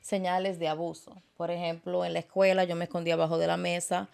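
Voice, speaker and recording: A woman speaks as an interview guest, recounting her life earnestly. Her voice sits low and has a gravelly edge. She pauses and restarts often, dropping in fillers and small English asides. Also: level tone, darkish tone. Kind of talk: personal testimony in interview.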